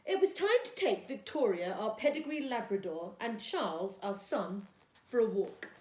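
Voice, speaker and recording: A woman's voice: mid-range voice, lively intonation, moderate pace, darkish tone, natural voice. A woman voicing a snobbish, bossy, well-to-do mother from a storybook, prim and disapproving. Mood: haughty, indignant. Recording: echoey, roomy sound.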